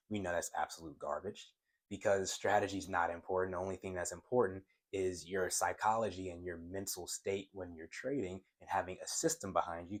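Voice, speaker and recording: A man teaching trading at a whiteboard in a casual way, who stutters and talks straight to his viewers. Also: low voice. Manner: stutters when excited, talks to viewers as guys. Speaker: trading coach.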